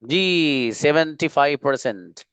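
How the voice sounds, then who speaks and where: A man's voice: a little high, animated, slow pace, a bit bright, clean tone, dry recording. Earnest male online teacher, coaxing and repetitive, close and dry. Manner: coaxing, earnest, repeats himself. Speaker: English teacher. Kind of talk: online spoken English class.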